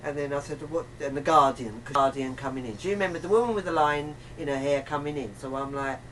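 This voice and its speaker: An extremely low-pitched yet slightly bright female voice rattles along quickly in casual conversation. She rambles emphatically and colloquially, frequently acting out reported dialogue, picked up by a distant mic with faint room noise.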